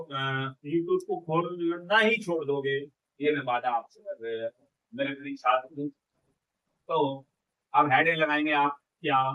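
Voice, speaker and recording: A male Hindi teacher giving an exam-prep lecture, asking questions and answering them himself, stretching vowels to demonstrate, and warmly addressing his students. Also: a little high, muffled recording.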